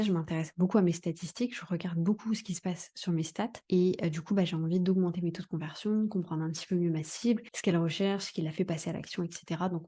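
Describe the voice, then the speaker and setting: A young woman from France chats through her monthly review in a relaxed, loose way, full of fillers and slang. Her voice sits a bit low and sounds warm and mellow. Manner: chatty, filler-heavy, slangy. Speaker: vlogger. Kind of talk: casual monthly review vlog.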